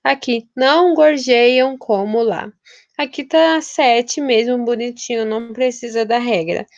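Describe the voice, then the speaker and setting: Young woman from Brazil, informal teacher, chatty and stumbling; slightly high voice, dry muffled recording. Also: steady tone, unhurried, no room sound. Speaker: literature teacher. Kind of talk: casual recorded lesson. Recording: dull, lo-fi and dry.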